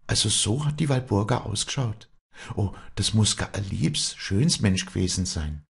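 A gentle old village priest muses admiringly in soft dialect, as a gravelly male reader voices him. His voice is husky with a lilting range. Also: lowish voice, animated, moderate pace, pitched above the performer's own voice, full character voice.

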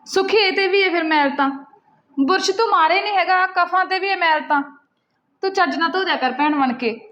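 A woman's voice: sits high, close to an everyday voice. A woman playing a fussy, bossy elder sister. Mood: nagging. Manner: quick, nagging and scolding. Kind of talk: Punjabi short film acting. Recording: slightly dull, lo-fi.

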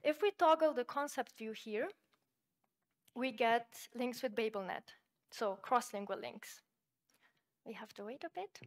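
A conference presenter, a woman whose first language is Slovenian, explains a software demo during an academic talk, measured and heavy on fillers. Her pitch is fairly high.

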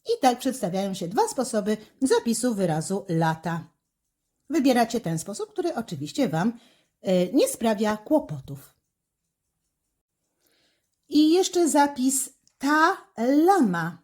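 A middle-aged woman teacher explains a handwriting exercise stroke by stroke. Her voice sits a little high and moves up and down a lot as she guides young pupils. She talks slowly and carefully, with small fillers between steps. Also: big pitch swings, a little mellow. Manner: slow, careful, instructive, with fillers. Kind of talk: handwriting lesson with step-by-step commentary.

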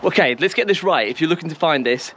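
A man's voice: a little high, lively intonation, fast, fairly bright tone, slight background noise. A young man vlogging on an open hillside with an action camera held at arm's length, chatting casually and giving directions with a few jokes. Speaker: vlogger hiking guide. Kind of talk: casual outdoor vlog chat.

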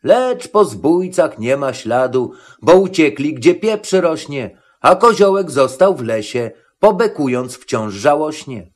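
A man reads a children's rhymed tale aloud in an expressive, rhythmic way. His fairly high voice rises and falls a great deal. He takes the verse at an unhurried pace. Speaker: narrator. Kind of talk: rhymed storybook reading.

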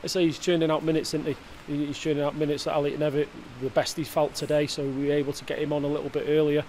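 A man's voice: on the high side, flat delivery, fast, darkish tone, slight background noise. A man, a football manager giving a post-match interview in a hesitant way, full of fillers and restarts, recorded close up indoors. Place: indoor press area before a sponsor board.

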